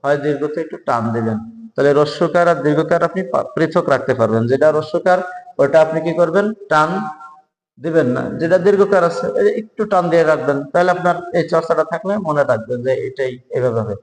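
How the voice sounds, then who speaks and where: A man teaching spelling for job exams, who spells each word out slowly, letter by letter, and urges viewers to subscribe. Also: on the high side. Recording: echoey room with long reverb.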